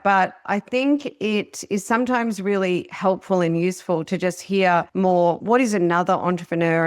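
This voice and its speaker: Aussie woman hosting a podcast, casual chatty talk, mid pitch, dry mic. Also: clear, resonant tone, no echo. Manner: chatty, laughs often. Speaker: podcast host. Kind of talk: casual interview chat.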